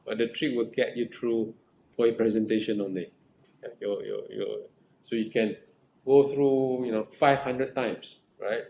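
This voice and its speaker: A gravelly, medium-pitched voice with fairly even intonation comes from a middle-aged academic supervisor with a Malaysian accent. He speaks a little slowly, and the highs sound cut off. He advises a research student earnestly and repetitively, restarting phrases and often asking "right?", in an echoey room with faint noise.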